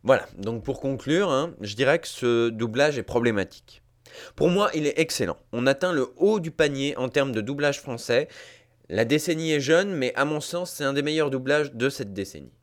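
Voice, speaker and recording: Man, host, scripted commentary, emphatic, speaks directly to listeners, animated intonation. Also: medium pitch, moderate pace.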